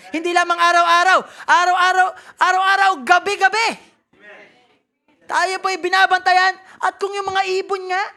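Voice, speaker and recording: Filipino woman preacher with a high voice, lively and joking, reading scripture in English. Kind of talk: sermon.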